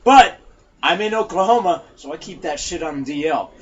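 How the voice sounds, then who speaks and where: A man's voice: on the high side, animated, brisk. A man co-hosting a casual wrestling podcast, rambling with joking asides, on a muffled lo-fi recording. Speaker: podcast co-host. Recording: muffled lo-fi recording with faint hiss.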